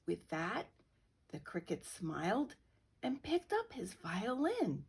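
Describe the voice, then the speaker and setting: A middle-aged woman reading a children's picture book aloud with slow, expressive storytelling. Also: medium pitch, breathy edge. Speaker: guest reader.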